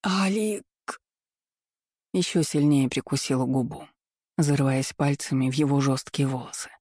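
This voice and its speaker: A man reading a first-person romance novel aloud in a calm, even, unhurried way. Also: medium pitch, dry recording, clean studio sound. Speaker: audiobook narrator.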